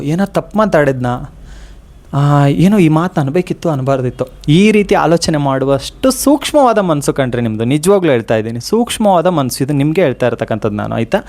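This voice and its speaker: A man giving an earnest devotional motivational talk. He speaks directly to his listeners and repeats his points. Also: a little high. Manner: slows to a soft chant for prayers.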